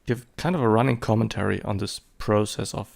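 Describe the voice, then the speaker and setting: A photography vlogger in his thirties speaks English with a German accent, German being his native language. His lowish, gravelly, darkish voice moves a little fast through casual, wandering commentary thick with fillers and hesitations.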